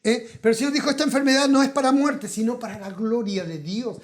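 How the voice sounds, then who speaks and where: A man with a Rioplatense Spanish accent preaching a sermon as pastor, swinging from loud emphatic calls to hushed asides. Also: very high voice, fast talker. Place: auditorium.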